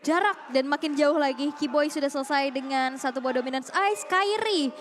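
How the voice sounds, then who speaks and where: A woman's voice: high-pitched, normal speed, slight background noise. A woman with an Indonesian accent giving live, analytical commentary on an esports match.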